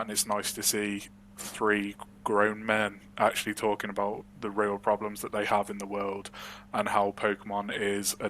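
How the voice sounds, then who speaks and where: A young man chats on a podcast in a fairly low voice, open and rambling, laughing as he goes. A faint hum sits under the recording. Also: a bit bright. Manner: candid, rambling, laughs often. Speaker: podcast co-host. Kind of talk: casual podcast chat.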